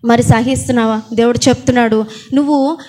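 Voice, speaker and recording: High-voiced woman preaching to a congregation. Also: moderate pace. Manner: rhetorical questions to the congregation; quiet, calls her own voice small. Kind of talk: sermon. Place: church hall with fans.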